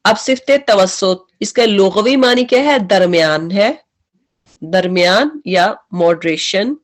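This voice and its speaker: A woman's voice: mid-range voice, lively intonation, slow. A woman teaching Quran recitation rules. She asks questions and answers them herself, and stretches out her recited examples. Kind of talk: tajweed lesson with recited examples.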